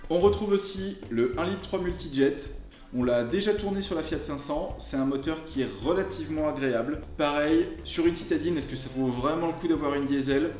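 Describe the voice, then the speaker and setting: A man's voice: fairly high pitch, fairly quick, darkish tone. A man presenting a car review in a casual, colloquial, tongue-in-cheek way. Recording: roomy echo with music underneath. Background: music.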